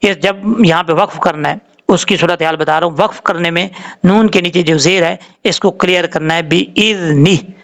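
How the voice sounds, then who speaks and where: A man teaching Quran recitation rules, explaining calmly and drawing out the words he demonstrates. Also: on the high side. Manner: explains slowly, drawing out Arabic words when showing them. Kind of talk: tajweed lesson with slow demonstrations.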